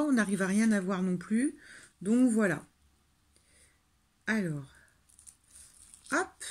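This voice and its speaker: A woman's voice: mid-range voice, a little hiss or hum. A woman from France chatting through a card-making tutorial, rambling and self-deprecating, with lots of fillers. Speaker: crafting tutorial host. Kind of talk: casual talk-through while making a card.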